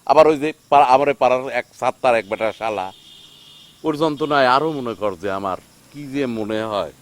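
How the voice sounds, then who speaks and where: A man's voice: medium pitch, a little fast, natural voice. An actor playing an exasperated young village man, pleading and agitated. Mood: weary.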